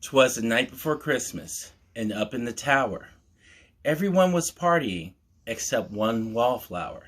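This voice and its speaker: With a medium-pitched, slightly bright voice and lively intonation, a man reads a picture book aloud for storytime. His delivery is measured, like a storyteller's, and he adds mock-earnest asides.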